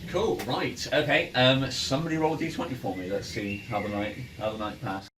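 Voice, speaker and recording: A man serving as game master at a face-to-face tabletop session narrates and chats casually with players, his medium-pitched voice fairly even and brisk. Captured on a distant mic in a roomy space, the audio carries clear background noise.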